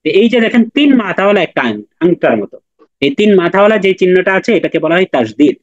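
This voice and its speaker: A man's voice: high voice, big pitch swings, fast, no room sound, highs cut off. A man teaching Quran recitation in an online class, patiently repeating and drilling letter sounds with his students.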